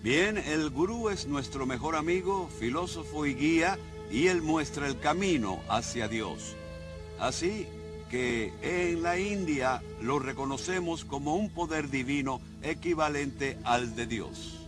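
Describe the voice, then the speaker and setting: A man's voice: a little high, lively intonation, measured pace, over music. A man speaking earnestly in a dubbed documentary interview.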